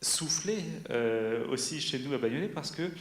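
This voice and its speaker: A man from France explaining at a public discussion, hesitant and often pausing mid-sentence. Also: mid-range voice, animated. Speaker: panel speaker, consumer association member. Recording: echoey room.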